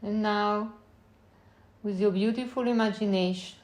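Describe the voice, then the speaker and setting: A meditation guide leads a slow spoken visualization, her medium-pitched voice holding steady. She speaks gently and unhurriedly in short phrases, leaving long pauses between them.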